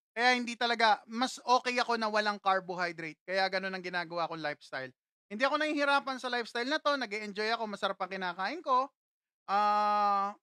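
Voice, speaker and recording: Guy chatting on his livestream, tells stories, laughs a lot, smooth crisp voice, dry sound. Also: sits high, pushed and bright, dry recording. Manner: chatty, laughs often, keeps addressing viewers. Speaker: livestream host. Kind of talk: casual storytelling livestream.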